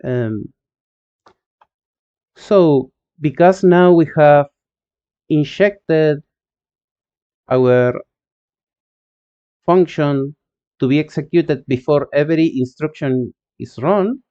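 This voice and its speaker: Streaming his coding session, this man with an Argentine accent, a native Spanish speaker, chats slowly and unhurriedly with viewers while reading chat. His slightly high, mellow voice is smooth and clear, yet the stream audio comes across dull and lo-fi. His speech arrives in halting bits full of fillers and restarts.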